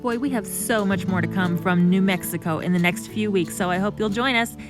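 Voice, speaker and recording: A middle-aged woman who vlogs about RV travel talks to the camera outdoors at an RV park, music playing behind her. Her medium-pitched voice moves fairly quickly, and she sounds chatty, upbeat and a little out of breath, laughing easily in this casual travel video.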